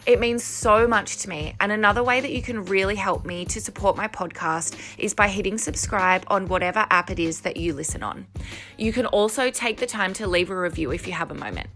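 Recording from home with headphones serving as the mic, a woman who hosts a solo podcast and works as a coach encourages her listeners earnestly. She speaks fairly quickly in a mid-range, fairly bright voice over soft background music.

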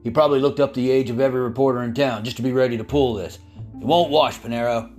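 Man voicing a tough, sarcastic reporter; mellow and flat. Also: medium pitch, fast, faint music behind, close to an everyday voice. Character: cynical, tough male newspaper reporter.

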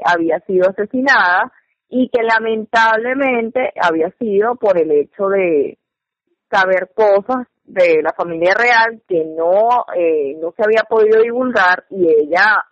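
Woman, Venezuelan accent, expressive storyteller, radio co-host, dull lo-fi studio sound. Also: mid-range voice, no room sound. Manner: animated, dramatic storyteller with loud exclamations. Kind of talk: casual radio commentary.

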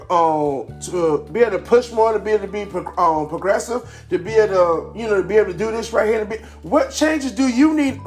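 Man, casual motivational talk, rambling, repeats phrases, slightly high voice. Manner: rambling, repeats himself, slangy. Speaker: podcast host.

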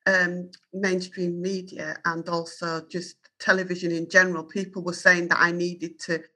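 A journalist in her fifties with a Yorkshire accent answers interview questions as a guest, earnest, firm, and self-assured. Her voice is fairly low-pitched and sharp, with a flat delivery at a moderate pace.

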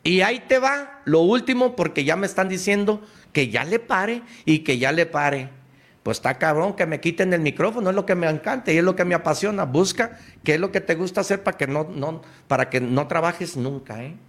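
A man's voice: fairly high pitch, lively intonation, brisk. A man giving a preachy, emphatic motivational radio talk, speaking straight to the listener.

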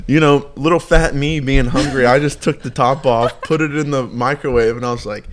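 A man's voice: mid-range voice, steady tone, moderate pace. A young man co-hosting a podcast, telling stories in a laid-back, rambling way and saying "like" a lot. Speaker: podcast co-host. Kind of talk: casual chat.

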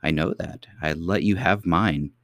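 A man voicing a kindly, very old queen who is the girl's great-great-grandmother, speaking gently and patiently. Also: sits low, unhurried, dry recording, studio quality. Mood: gentle.

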